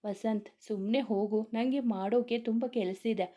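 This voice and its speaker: A woman's voice: fairly high pitch, fairly even intonation, a little slow, mellow, dull audio, lightly acted. A woman voicing a bossy but affectionate young sister-in-law who scolds firmly. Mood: scolding. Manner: scolding, then doting.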